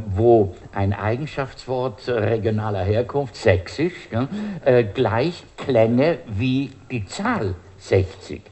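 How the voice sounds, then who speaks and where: Older guy, musician, middle pitch, rambles through stories with lots of ums and chuckles. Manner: lively storyteller, chuckles often, many fillers. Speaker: musician guest. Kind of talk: conversational anecdote telling.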